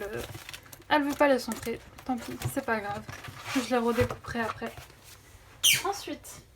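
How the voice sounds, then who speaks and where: A woman's voice: on the high side, background noise. A young woman chatting enthusiastically through a coloring book haul, with many fillers. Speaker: coloring vlogger. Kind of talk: casual haul vlog. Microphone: phone camera.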